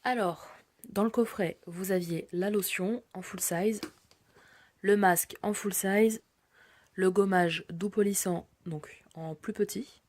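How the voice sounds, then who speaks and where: A woman's voice: mid-range voice, fairly even intonation, slow pace, darkish tone. A woman vlogger casually walking through a haul of products and their prices, chatty with frequent fillers. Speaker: beauty vlogger.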